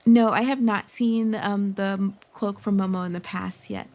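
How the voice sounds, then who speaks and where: A woman gaming streamer giving casual gameplay commentary, chatty and reacting out loud to the game. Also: mid-range voice, steady tone, normal speed.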